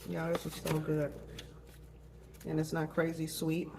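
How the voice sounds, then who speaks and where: Gravelly, unhurried woman cooking vlogger, chatty, crowd noise behind her. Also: deep voice, monotone. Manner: chatty, addresses viewers as y'all, tastes food on camera. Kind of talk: casual cooking vlog.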